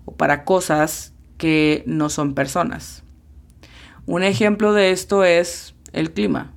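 A woman with a low voice teaches a language lesson. She talks at an unhurried pace and spells each sound out carefully, letter by letter. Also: vocal fry. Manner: slow, careful spelling-out of pronunciations. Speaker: English teacher.

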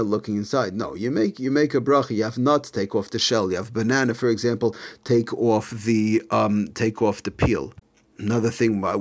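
A man giving an informal religious lesson, explaining a text and often rephrasing his points as a teacher. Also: medium pitch.

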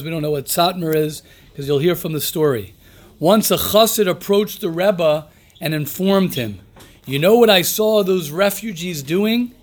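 Guy giving a religious class, high voice, repeats himself, keeps asking questions to drive it home. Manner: emphatic, repeats phrases and asks rhetorical questions. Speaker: rabbi teaching a daily class. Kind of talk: informal religious class, reading aloud and commenting.

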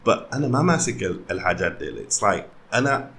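A man's voice: fairly low pitch, animated, a little fast, fairly bright tone. A man with a Sudanese Arabic accent in casual conversation, switching often between Arabic and English. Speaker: company founder.

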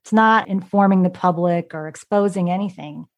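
A woman's voice: lowish voice, moderate pace. Curious woman hosting an interview. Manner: curious, thinking aloud while asking questions. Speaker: podcast host. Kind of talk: conversational interview.

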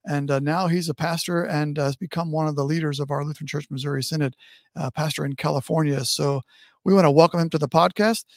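A man's voice: on the high side, fairly even intonation, fast talker, vocal fry, no echo, studio quality. A man hosting a podcast as a pastor, chatting casually with lots of filler sounds. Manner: friendly, many filler sounds.

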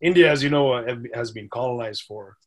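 A man talking casually as a podcast guest, an animated storyteller who laughs often. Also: mid-range voice, fairly quick. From Dubai. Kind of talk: casual interview chat.

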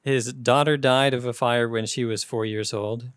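Measured man reading quiz questions. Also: medium pitch, fairly even intonation, smooth, no room sound, clean studio sound. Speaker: quiz host.

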